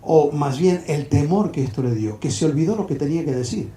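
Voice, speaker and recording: A man with a Uruguayan accent, giving a storytelling sermon to young people in a dramatic, animated way. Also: on the high side, fairly quick, slight background noise. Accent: Uruguayan Spanish. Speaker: speaker at youth event. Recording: echoey hall.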